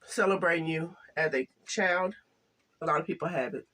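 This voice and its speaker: Shy, halting older woman vlogger. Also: lowish voice. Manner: halting, soft-spoken, speaks of camera shyness. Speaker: mukbang vlogger. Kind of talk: casual eating chat to camera.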